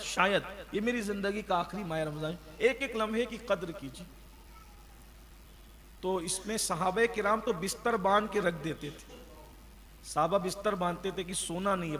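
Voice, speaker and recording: A man delivers a sermon, his voice pitched high. He exhorts his listeners and asks rhetorical questions. The sound rings with long reverb, as in a large hall. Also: fairly bright tone. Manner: exhorting, rhetorical questions, chants the creed slowly. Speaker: preacher. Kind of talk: Ramadan sermon.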